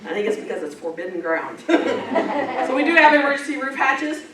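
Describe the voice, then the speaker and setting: A woman's voice: high voice, sing-song, brisk, noisy background. A woman trainer talking to bus drivers at a staff safety meeting, chatty and plain-spoken, often laughing. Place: meeting room. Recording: echoey room, mic at a distance, group audible. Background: audience of drivers.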